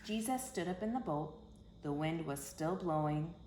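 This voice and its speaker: Reading a picture book to children, this storyteller uses a low-pitched, expressive, slightly mellow voice at normal speed. The phrasing is dramatic and emphatic, and the recording is echoey with faint background noise.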